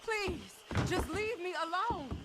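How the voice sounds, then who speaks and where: An actress playing a fierce, sharp-tongued captive woman from the swamp in a video game. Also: very high-pitched, expressive, slow, very noisy, exaggerated voice. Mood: bitter.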